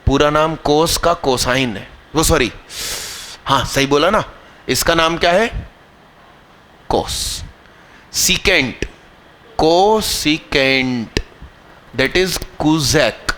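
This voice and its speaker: Male math teacher, live class, slow and deliberate, bright voice, scolds and quizzes pupils. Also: a little high. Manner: scolding, teasing students mid-lesson; questions the class and drills terms slowly.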